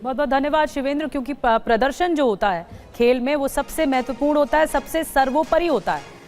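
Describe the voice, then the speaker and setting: A woman anchors a news bulletin in a crisp, formal tone, with a high voice. Faint music sits beneath her. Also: fairly quick, a little mellow.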